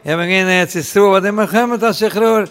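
An older man, a rabbi, telling anecdotes in an animated way, chuckling often and acting out the voices of the people in his stories. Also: sits high, quick pace, clean tone. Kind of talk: anecdotal storytelling. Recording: echoey hall reverb.

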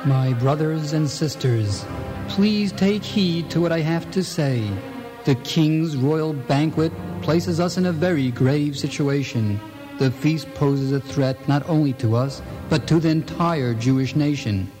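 A man's voice: fairly high pitch, a little slow, a little mellow, faint music behind, lightly acted. An actor playing a respected male rabbi and teacher who speaks earnestly and solemnly.

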